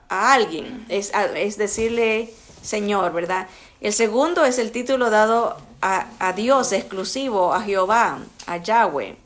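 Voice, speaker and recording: A woman teaching a Bible lesson in a conversational way, often stopping to ask her listeners if they follow. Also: on the high side. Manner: conversational teaching, frequent fillers and tag questions. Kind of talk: recorded Bible study lesson.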